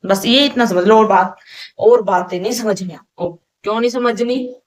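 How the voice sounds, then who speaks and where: A woman teacher talking to her students in a relaxed, chatty lecture. She keeps asking questions and then answering them herself. She drops English terms into her explanations. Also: medium pitch, moderate pace. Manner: mixes English terms into speech. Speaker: online teacher. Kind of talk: casual classroom lecture.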